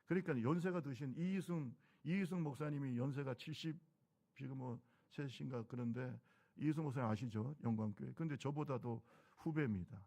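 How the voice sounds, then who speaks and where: A man's voice: mid-range voice, fairly quick, gravelly, mellow. A middle-aged man preaching a sermon as pastor of his church, talking in a conversational way and firing rhetorical questions at the congregation. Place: church sanctuary.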